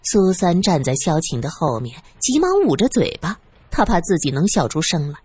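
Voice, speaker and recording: A woman tells an audiobook story, with a lively, swooping delivery and a husky, breathy tone. The sound is dry and close, with faint music running beneath her. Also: low-pitched, moderate pace, no room sound. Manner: expressive, dramatic storyteller. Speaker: audiobook narrator. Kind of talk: storytelling narration.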